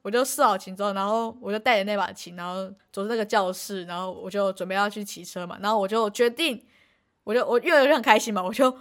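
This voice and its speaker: A woman's voice: mid-range voice, quick pace. A young woman, co-hosting a casual podcast and telling a story in a rambling way, with frequent restarts and acted-out quotes. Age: young adult. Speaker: podcast co-host.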